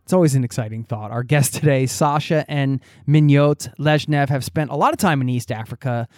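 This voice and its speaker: A man hosting a travel podcast, friendly and quick to laugh. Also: medium pitch, a little mellow, no room sound, studio quality. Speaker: podcast host.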